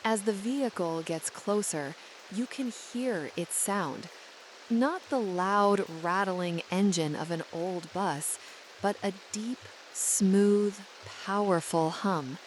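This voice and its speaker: Rain hisses faintly in the background as a woman slowly narrates a guided sleep visualization. Her medium-pitched voice shapes every thought with soothing deliberation, and the recording quality is low.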